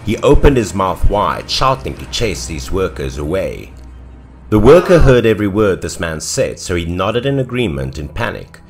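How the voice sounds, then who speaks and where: A man's voice: sing-song, normal speed. A man narrating a horror story in a scripted, dramatic storytelling manner. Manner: dramatic storytelling with swings in pitch and loudness.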